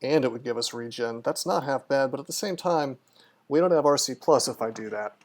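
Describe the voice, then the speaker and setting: A man's voice: mid-range voice, a little fast. Casual, musing male game streamer. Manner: casual, musing, lots of ums and restarts. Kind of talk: live-stream gameplay commentary.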